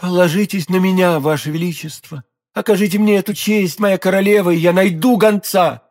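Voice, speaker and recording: A man's voice: high voice, a little fast, darkish tone, voice pushed up. A man reading an audiobook, voicing an earnest, devoted young woman who serves the queen. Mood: fervent. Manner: earnest, fervent.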